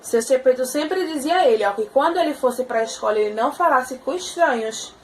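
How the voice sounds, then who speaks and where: A woman teacher telling a story to small children, animated and often checking in with her listeners. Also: high voice, brisk, a little hiss or hum.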